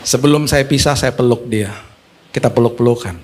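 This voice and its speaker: A man's voice: mid-range voice, brisk, slight background noise. A male pastor preaching a sermon, telling a story with acted-out dialogue. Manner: animated, acts out dialogue with raised voice.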